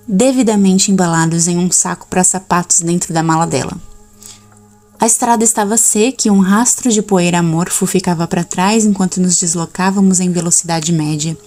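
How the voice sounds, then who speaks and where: Gravelly woman narrating an audiobook. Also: mid-range voice. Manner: steady first-person storytelling.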